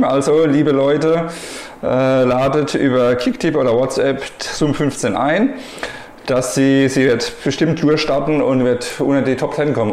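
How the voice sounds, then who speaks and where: A man hosting a casual podcast interview, firing off playful quick questions at a new player. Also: mid-range voice, darkish tone. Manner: joking quick-fire questions. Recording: echoey room with faint noise.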